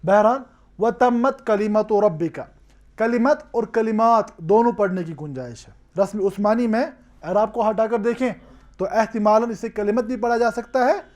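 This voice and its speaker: Man from Kashmir, lecture teacher, high-pitched, checks understanding often. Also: darkish tone. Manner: explanatory, repeats checking questions to students. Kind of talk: classroom lecture on Quran recitation.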